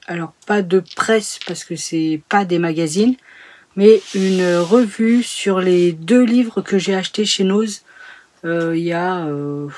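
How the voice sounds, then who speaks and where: A sewing YouTuber with a lowish, darkish voice reviews two sewing books in a casual vlog from her home sewing room. She is chatty and hesitant, with lots of fillers.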